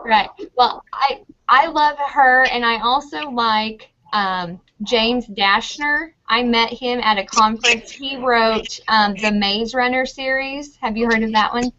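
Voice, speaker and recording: Speaking unhurriedly in a bright, forceful, fairly high voice, this American professor in middle age teaches teaching methods and answers interview questions casually. She's friendly and chatty with lots of ums, and the audio is dull and lo-fi with noticeable noise.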